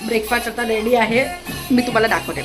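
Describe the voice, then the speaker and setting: A woman's voice: fairly high pitch, quick pace, over music. A young woman with a Marathi accent chatting casually in a home kitchen vlog, cooing and baby-talking to her toddler as she cooks. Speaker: vlogger mother. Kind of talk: casual family vlog chat.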